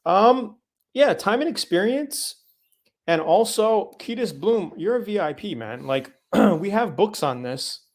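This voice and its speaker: A man's voice: sits high, lively intonation, unhurried. A middle-aged man hosting a casual live Q&A, answering viewer questions in a loose, conversational way with fillers and self-corrections.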